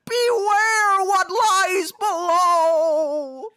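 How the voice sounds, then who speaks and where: A woman's voice: very high voice, steady tone, very slow, a bit bright, voice pushed up, full character voice. A woman voicing Fenton, an anxious, earnest male duck accountant, flustered and hesitant, in a live comic dub. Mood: urgent.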